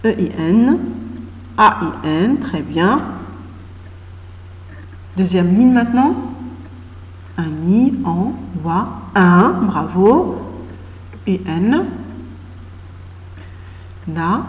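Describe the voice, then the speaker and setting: A woman teacher takes a children's reading lesson at a very slow pace, pronouncing syllables one at a time and praising her pupils often. Her voice rings in an echoey room with a long reverb tail. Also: mid-range voice, animated, darkish tone.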